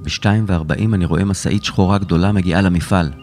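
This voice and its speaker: A man voicing a brisk, matter-of-fact young tech helper in a serialized children's story. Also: low voice, steady tone, darkish tone, soft background music. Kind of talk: storybook character reading.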